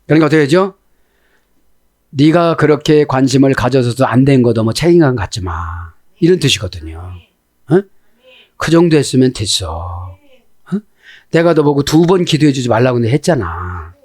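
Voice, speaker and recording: A man's voice: mid-range voice, a little mellow, no room sound, studio quality. A man preaching as a pastor, explaining Hebrew scripture words and often checking in with listeners using short tag questions. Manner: slows down to spell out word grammar.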